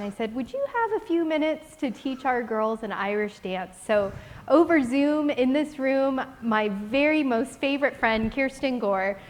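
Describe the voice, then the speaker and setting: A woman presenting at a church event, introducing performers to an audience. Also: a little high. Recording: long hall reverb.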